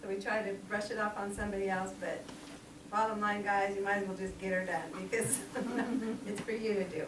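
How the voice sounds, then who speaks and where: With a steady tone and brisk pace, a mid-range-voiced lay preacher in her sixties gives an informal sermon in a small church hall. She's chatty, laughs often, and fills her speech with ums. The recording is noisy and echoey, captured from far off.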